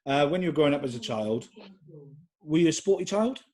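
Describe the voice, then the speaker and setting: Mellow-voiced male podcast host. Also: fairly high pitch, lively intonation, fairly quick. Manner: easygoing, brief encouraging replies. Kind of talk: casual interview.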